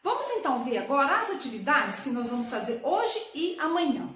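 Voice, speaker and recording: A woman's voice: sits high, very animated, fairly quick, fairly bright tone. A woman teacher giving a recorded class to young pupils, affectionate and checking in with frequent tag questions. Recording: very echoey room with faint noise.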